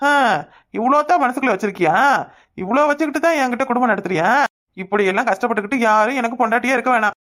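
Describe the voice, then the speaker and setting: A woman's voice: fairly high pitch, racing, fairly bright tone, lightly acted. A woman voicing an irritable, dismissive husband in a cartoon, talking brusquely and ordering others about. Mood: irritated, dismissive. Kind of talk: cartoon voice acting.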